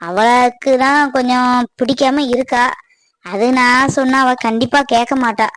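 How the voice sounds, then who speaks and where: A woman's voice: a little high, fairly even intonation, moderate pace, no echo, lightly acted. A woman voicing an anxious middle-aged village mother, earnestly pleading with her nephew in a cartoon. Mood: worried. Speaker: voice actor. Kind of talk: cartoon voice acting.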